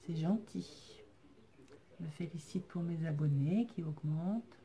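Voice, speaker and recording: A woman vlogger chatting casually as she shows off crafts she was sent, thanking viewers warmly and hesitating often as she describes each piece. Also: low voice, a little slow. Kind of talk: casual chat unboxing craft mail.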